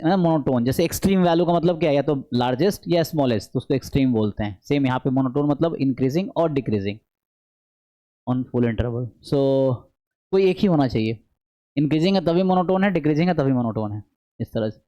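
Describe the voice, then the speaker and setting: A man giving an online statistics lecture, explaining step by step, often checking in with the class and slowing down to dictate formulas. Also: mid-range voice, mellow, muffled recording. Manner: mixes English math terms into speech; slows to dictate formulas aloud. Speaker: statistics teacher.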